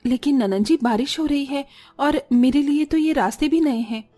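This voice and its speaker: A woman voicing a meek, gentle young bride in a cartoon story, speaking softly and pleadingly. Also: high-pitched, normal speed, faint music behind, pitched above the performer's own voice, natural voice. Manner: soft, pleading.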